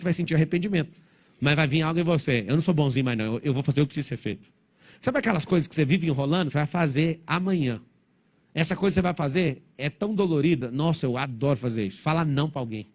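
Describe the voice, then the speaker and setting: A man giving a motivational stage talk to a live audience, blunt and provocative in a rapid-fire way. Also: a little high, a little mellow. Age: adult, father of four. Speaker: motivational speaker.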